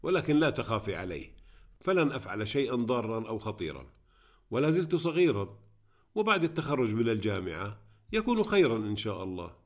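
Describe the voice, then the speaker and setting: A man's voice: mid-range voice, sing-song, fast talker. A man as an earnest young student. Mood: laughing.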